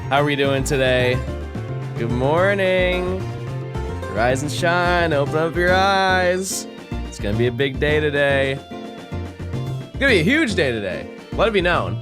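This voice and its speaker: A male streamer speaks into a headset mic with game music running underneath. His voice jumps all over, from shouted hype down to mock-sad mutters. His throat sounds a little sore. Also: a little high, lively intonation, measured pace, pauses often. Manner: swings between hyped shouting and mock-sad mumbling. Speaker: livestreamer. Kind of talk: casual livestream chat. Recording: game music playing behind.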